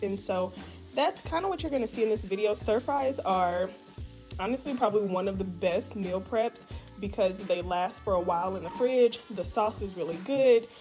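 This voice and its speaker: A woman's voice: medium pitch, darkish tone. A young woman in her twenties chatting casually to viewers while she cooks in her home kitchen, calling them y'all. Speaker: cooking vlogger. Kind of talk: casual cooking vlog chat. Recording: music bed under voice. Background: music and frying sizzle.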